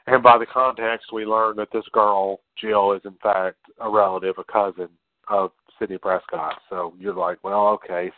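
A man's voice: fairly low pitch, no echo. A man co-hosting a podcast, casually retelling a movie scene by scene with lots of fillers. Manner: rambling retelling with many fillers and quoted lines. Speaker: podcast co-host. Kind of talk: casual movie recap chat. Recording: dry tinny phone-like sound.

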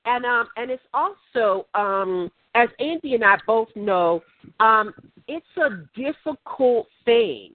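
A woman's voice: fairly high pitch, expressive, takes it slowly, no room sound. Rambling woman over a phone speaker. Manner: rambling, with many ums and restarts. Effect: heard over a phone speaker. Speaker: podcast co-host. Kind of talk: casual podcast chat. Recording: tinny dry phone line.

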